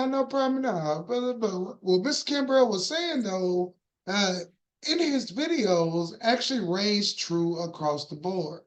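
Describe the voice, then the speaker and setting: A woman hosting in a casual, slangy, folksy and jocular way. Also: medium pitch. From Texas. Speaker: workshop host. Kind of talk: casual chat.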